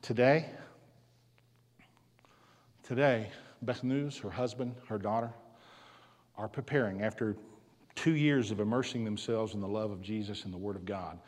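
A man giving a storytelling sermon as a guest speaker at a school, telling the story dramatically and sometimes dropping to a hushed voice. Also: lowish voice, a little slow, long pauses. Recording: long hall reverb.

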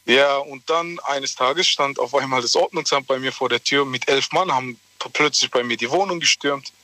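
A young man from southwest Germany calling a radio phone-in from his car's hands-free system and telling a story in a halting, rambling way. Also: mid-range voice, pushed and bright, no echo. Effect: phone call through a car hands-free speaker system, at times distant from the mic. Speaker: radio call-in caller.

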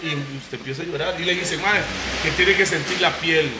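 A Costa Rican man co-hosting a podcast, telling a story in a lively way with slang and sound effects. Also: a little high, a little fast, over a noisy crowd. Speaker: podcast co-host. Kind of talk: casual chat.

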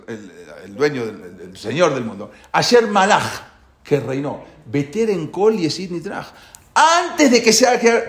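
A man teaching a religious class who explains the prayers with many rhetorical questions. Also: high voice. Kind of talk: Torah class. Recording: echoey room.

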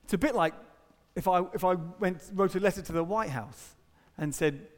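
A man preaching a sermon, talking in a conversational way with rhetorical questions and quick asides. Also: high-pitched. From Britain. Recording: long hall reverb.

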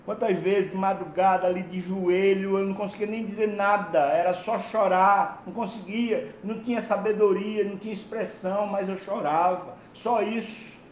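A male preacher delivering a sermon, swinging from loud emphatic calls to quiet low murmurs. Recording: echoey room with faint low rumble.

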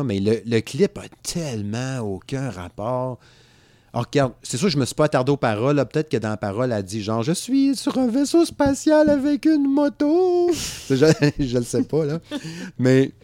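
A man's voice: medium pitch, a little mellow, no echo. A man in his thirties with a Quebec French accent, rambling casually about music on a podcast and laughing often. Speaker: podcast co-host.

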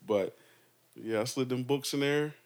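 A young man co-hosting a podcast in casual chat, telling animated childhood stories in loose slang. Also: mid-range voice, measured pace, creaky. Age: young adult. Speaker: podcast host.

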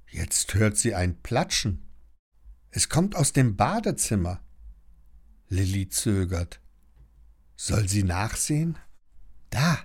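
A man narrating a children's storybook in an animated, expressive way. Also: on the low side.

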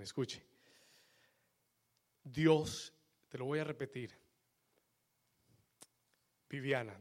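A male pastor delivering a sermon, switching between Spanish and English phrase by phrase and building to loud exhortations. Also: mid-range voice. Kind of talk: bilingual sermon.

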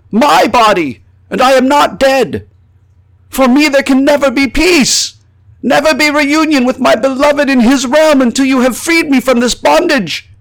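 Here a man's husky, low-sitting voice gives a full character performance as a tormented ghost cut off from his own undead body. It's a florid, theatrical piece in the style of vintage horror radio, building from whispers into frantic cries.

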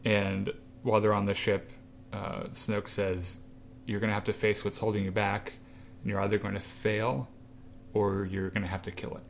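A man's voice: on the low side, moderate pace, gravelly, a little hiss or hum. A man co-hosting a casual chat show, animatedly retelling a comic and acting out the characters' lines. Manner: animated storyteller, acts out quoted lines. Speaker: podcast co-host.

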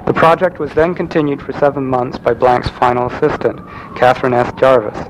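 A man giving a prepared lecture, reading in a measured way with occasional restarts. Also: medium pitch, a little hiss or hum, poor audio.

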